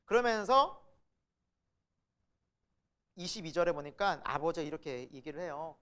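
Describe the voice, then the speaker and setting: Church Bible teacher, sermon delivery, pitch swings a lot, acts out the people quoted. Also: measured pace. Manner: animated, asks the congregation questions and answers them; acts out the quoted speakers in lively voices. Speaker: preacher teaching a Bible class.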